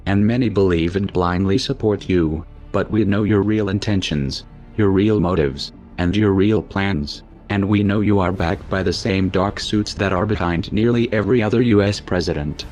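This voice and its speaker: Using a disguised deep voice that sounds slightly mellow, a man reads a scripted statement in a cold, measured, menacing tone. Soft music plays in the background.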